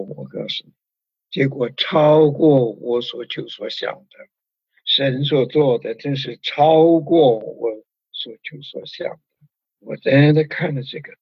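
Husky breathy guy preaching like he's chatting, dry kinda dull recording. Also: medium pitch, dry recording. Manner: conversational preaching, storytelling with many sentence particles. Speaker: pastor. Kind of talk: sermon.

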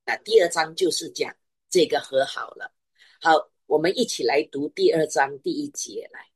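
A woman's voice: low-pitched, normal speed, a little mellow, husky, no room sound. A middle-aged woman preaching a sermon, stressing her points by repeating phrases.

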